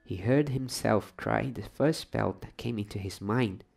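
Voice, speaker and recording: A man reads a bedtime story aloud ASMR-style over soft background music, his voice low, husky, and creaky. Unhurried and a little slow, he keeps things hushed and occasionally drops to a whisper.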